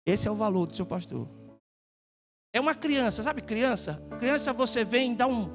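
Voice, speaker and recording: A middle-aged man with a Brazilian Portuguese accent preaching in a church, joking and chatty, with lively quoted asides. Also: extremely high pitch, normal speed, over music. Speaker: guest pastor. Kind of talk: sermon. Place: church sanctuary.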